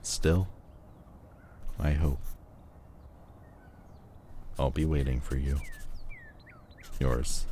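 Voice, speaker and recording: A man playing a lovelorn lord general, voicing a farewell letter in a formal, slow, yearning way in an audio roleplay. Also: very deep voice, steady tone, warm tone, a little hiss or hum, full character voice. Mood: pleading, resigned.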